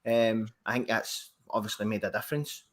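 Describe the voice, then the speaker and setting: A man's voice: on the low side, level tone, normal speed, fairly bright tone. A man with a Scottish accent, a podcast guest chatting casually about football, joking and laughing. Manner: jokey, swears, laughs often.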